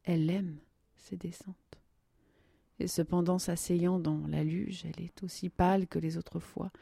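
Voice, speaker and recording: Low husky woman reading a story. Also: dry recording, clean studio sound. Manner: hushed, drops to a whisper for tense moments. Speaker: audiobook narrator. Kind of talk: scripted narration of a story.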